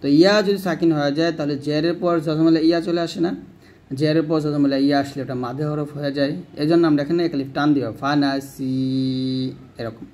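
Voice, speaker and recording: A man teaching the rules of Quran recitation, explaining each rule step by step and then reciting the example words slowly and drawn out. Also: a little high, fairly even intonation, a little mellow.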